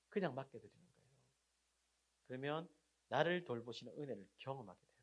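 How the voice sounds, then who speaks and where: Speaking a little high, this male pastor poses questions to the congregation and supplies the answers on his own. His sermon moves from forceful, loud statements to hushed closing phrases.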